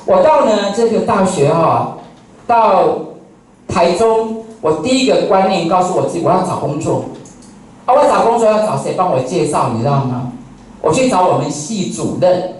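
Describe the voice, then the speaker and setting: A man with a Taiwanese Mandarin accent tells lively stories to a company audience and keeps asking them questions. His voice sits high for a man. The echo of a large hall surrounds him, and he sounds far from the mic. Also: moderate pace. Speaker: motivational speaker. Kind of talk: lively storytelling lecture. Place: company lecture room.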